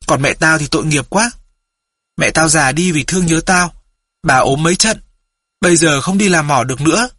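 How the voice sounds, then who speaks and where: A man's voice: on the high side, normal speed, a bit bright, breathy edge, dry recording, studio quality. A man voicing a remorseful teenage runaway boy in an audiobook, confessing in a heartfelt way. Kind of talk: audiobook character voice.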